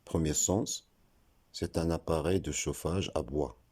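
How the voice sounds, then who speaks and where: A man giving a scripted lesson on French pronunciation, slowly spelling out words letter by letter. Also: extremely low pitch, darkish tone, slightly rough. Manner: slow, deliberate, spells out letters.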